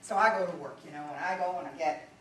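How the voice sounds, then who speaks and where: A woman and former public defender giving a speech to lawyers, telling stories in an animated way and checking in often with her audience. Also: low-pitched, quick pace, slight background noise. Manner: animated storytelling with frequent audience check-ins. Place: lecture hall. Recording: echoey hall, mic far away.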